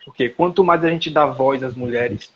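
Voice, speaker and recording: A man's voice: medium pitch, moderate pace, breathy edge, dull audio. A man, lecturing as a professor in a live online class and searching for words aloud as he explains.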